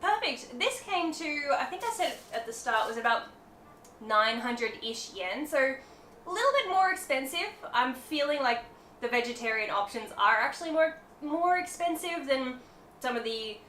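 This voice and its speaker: Lively young woman food vlogger. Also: high-pitched, normal speed, reverberant, slight background noise. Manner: chatty and animated, tasting and commenting on food. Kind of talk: casual food vlog. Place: hotel room.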